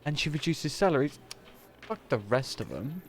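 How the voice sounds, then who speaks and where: A man's voice: a little high, very animated, moderate pace, a little hiss or hum. A man casually commentating on his own gameplay, rambling, sweary and easily distracted. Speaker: streamer. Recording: game music playing underneath.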